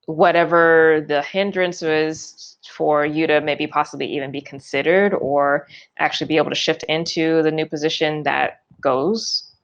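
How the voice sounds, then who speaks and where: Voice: mid-range voice, little pitch movement, moderate pace, muffled recording. A tarot reader giving a loose, chatty forecast, full of fillers and restarts and yawning often.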